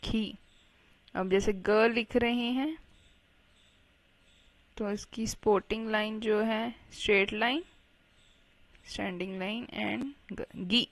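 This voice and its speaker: A woman's voice: mid-range voice, steady tone, takes it slowly, pauses often, dry recording. A woman teacher giving a children's Hindi reading lesson, patiently spelling each word out syllable by syllable.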